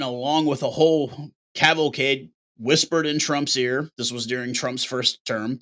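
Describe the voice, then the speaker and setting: A man's voice: mid-range voice, sharp tone. A man hosting his own show, talking bluntly in a casual, ranting monologue with occasional swearing. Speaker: show host.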